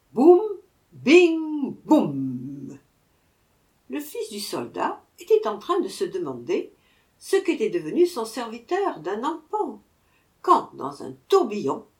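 A woman narrating a fairy tale in an expressive storybook reading. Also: on the high side. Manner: expressive, unhurried.

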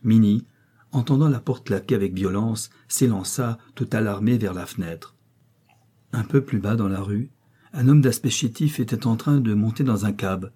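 A man narrating a classic story as an audiobook, with a measured, expressive reading. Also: fairly low pitch, husky.

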